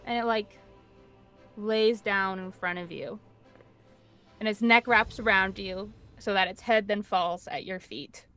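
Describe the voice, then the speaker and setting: A woman acts as game master for a tabletop role-playing session, telling the action at an unhurried pace. Her storytelling is improvised and conversational, feeling its way forward in halting phrases. Soft music plays behind her. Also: mid-range voice, steady tone. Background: background music.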